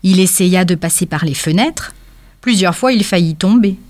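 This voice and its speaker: A woman reading a children's storybook aloud in a calm, measured way. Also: fairly low pitch.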